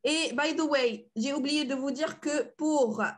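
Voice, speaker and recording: A woman's voice: high-pitched, measured pace. A woman teaching French in an online class over a video call, playful and encouraging, laughing often.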